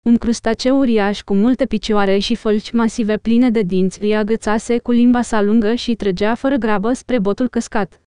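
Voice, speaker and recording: A woman reading a novel aloud in steady, even scripted narration. Her voice sits fairly high and is smooth and mellow, captured dry and close. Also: hardly any pauses, no echo. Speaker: audiobook narrator.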